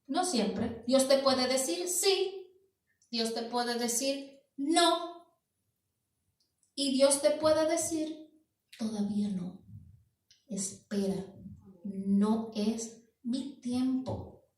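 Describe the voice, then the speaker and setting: High-voiced woman preaching slowly in an echoey church. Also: a little mellow. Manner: emphatic, repeats key words, rhetorical questions. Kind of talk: sermon. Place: church evening service. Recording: echoey church hall from far off.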